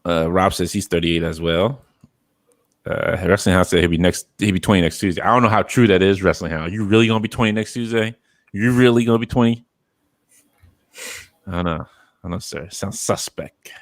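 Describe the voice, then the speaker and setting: A man's voice: low-pitched, steady tone, fairly quick, no echo, studio quality. A man in his thirties hosting a casual podcast chat, joking around and reading viewer comments aloud. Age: 30s. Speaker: podcast host.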